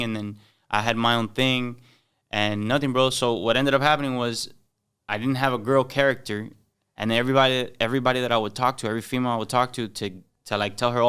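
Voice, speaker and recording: A young podcast guest from Miami, with a Cuban-American accent, has a mid-range, slightly bright, clean voice. His casual chat is loose and slangy, mixing in Spanish and frequent "like" and "bro."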